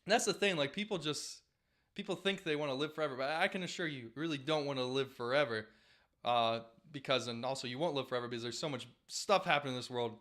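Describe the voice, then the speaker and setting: A man's voice: medium pitch, quick pace. A young man performing a rambling stand-up comedy bit, breaking into silly voices. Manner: rambling, loud, slips into silly character voices. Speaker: stand-up comic.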